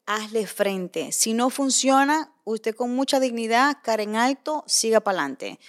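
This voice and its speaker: A woman podcast co-host in casual advice chat, blunt and animated. She switches easily between Spanish and English. Her voice sits a little high. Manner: blunt, animated, quick to laugh.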